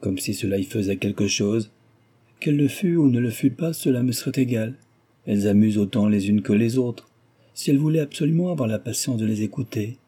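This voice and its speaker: A man's voice: medium pitch, fairly quick, mellow, breathy edge, natural voice. A man reading aloud, voicing a frivolous, gossiping young aristocratic lady who talks flippantly and teases. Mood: flippant chatter. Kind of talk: audiobook character reading.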